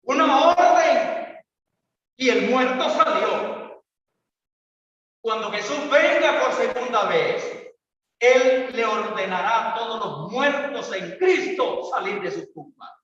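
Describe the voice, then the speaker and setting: A pastor preaching an evangelistic sermon, swinging between loud calls and quiet asides. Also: male voice, very high-pitched, lively intonation, slow. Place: church hall. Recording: echoey church hall, distant mic, dull sound.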